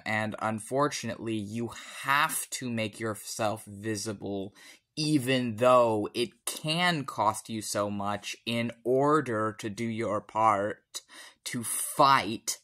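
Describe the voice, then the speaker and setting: A tipsy man giving a solemn personal monologue in deliberate, formal phrasing. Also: on the low side, sharp tone. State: tipsy from alcohol.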